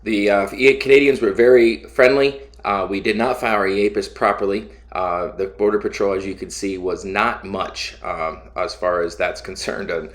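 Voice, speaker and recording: A man narrating his own flight video as the pilot, casual and unscripted, in a halting, plain-spoken way. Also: fairly low pitch, fairly even intonation.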